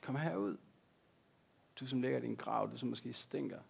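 Gravelly-voiced man preaching earnestly. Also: medium pitch, darkish tone. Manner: earnest, repeats key words for emphasis. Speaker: pastor. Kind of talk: sermon.

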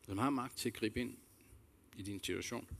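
Low-voiced earnest man preaching. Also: vocal fry, a bit bright, a little hiss or hum. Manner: earnest, reflective, repeats key phrases; addresses listeners directly with questions. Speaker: pastor. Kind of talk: sermon.

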